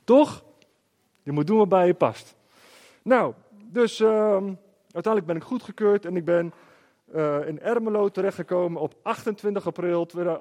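A middle-aged man with a somewhat high voice tells an anecdote to a room. He is animated and rhetorical, and he keeps tossing quick questions to his listeners to pull them along. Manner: lively, rhetorical, checks in with the listeners. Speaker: speaker. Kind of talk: storytelling talk to an audience.

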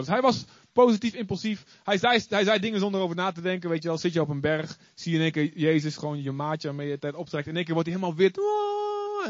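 A high-voiced male pastor preaching an animated sermon and getting the congregation to join in. It is recorded live, with a dry, slightly muffled sound. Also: dry recording. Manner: animated, calls on the congregation to join in, acts out stories. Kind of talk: lively sermon. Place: church before a congregation.

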